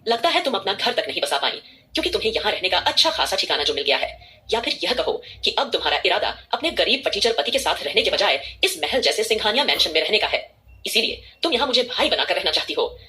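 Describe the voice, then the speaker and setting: A woman's voice: medium pitch, big pitch swings, fast, sharp tone, a little hiss or hum. A woman voicing an arrogant, cruel young billionaire man who sneers with contempt. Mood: contemptuous.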